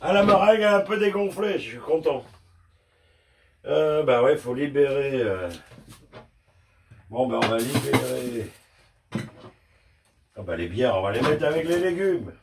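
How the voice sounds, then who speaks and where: Give me a man of middle pitch talking to the viewer in a home-kitchen cooking vlog, self-mocking and crude. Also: animated, unhurried, vocal fry, long pauses, background noise. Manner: talks to the viewer while cooking. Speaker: home cook vlogger. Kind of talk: casual cooking vlog chat.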